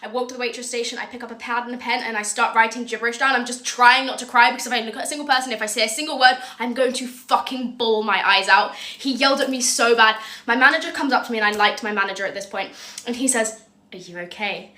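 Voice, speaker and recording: A woman's voice: a little high, quick pace. A young woman telling a casual storytime, swearing freely and tagging lines with "right?". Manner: swears freely, animated, keeps asking "right?".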